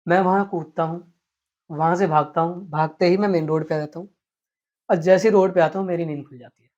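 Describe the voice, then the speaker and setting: A man telling his own story in an interview, earnest and animated, acting out the quotes. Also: on the high side, brisk. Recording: dull lo-fi sound.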